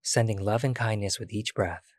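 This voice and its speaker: A man leads a calm body-scan meditation in a soft, breathy voice. His pitch sits low and he leaves long pauses between phrases. The recording is dry and close, with no room sound. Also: no echo. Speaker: meditation guide.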